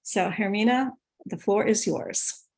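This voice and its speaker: A woman's voice: medium pitch, unhurried, gravelly, darkish tone, poor audio. Woman reading a formal introduction. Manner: reads a prepared bio. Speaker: moderator.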